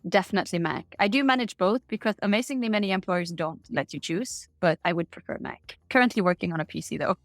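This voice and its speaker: A woman's voice: medium pitch, fast talker, few pauses, no room sound, soft background music. Upbeat Norwegian woman guest, dry sound. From Norway. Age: middle-aged. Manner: upbeat, candid, answers briefly. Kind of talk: casual interview answers. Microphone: remote call.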